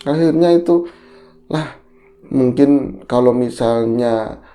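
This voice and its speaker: A man's voice: mid-range voice, takes it slowly, warm tone. A man co-hosting a podcast, telling a horror story in a casual, conversational way and checking in with his co-host.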